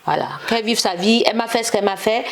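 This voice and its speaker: Lady guest, kinda high voice, acts out every quote, says "et tout" a lot. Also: quick pace. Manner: acts out quotes and sings snippets, repeats "et tout". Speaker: interview guest. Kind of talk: animated storytelling.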